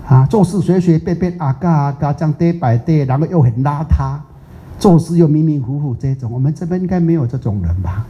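A man's voice: on the high side, animated, brisk, warm tone. An older man from Taiwan, a Buddhist teacher giving a chatty, teasing dharma talk, drawing out English words. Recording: muffled lo-fi recording.

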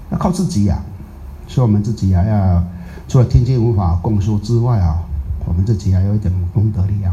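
A man gives a dharma talk as a Buddhist master, his voice strikingly dark and mellow. He tells stories with lively energy and keeps checking whether his listeners follow. He also slips English words into what he says. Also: on the low side, a little hiss or hum. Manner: drops English words into speech.

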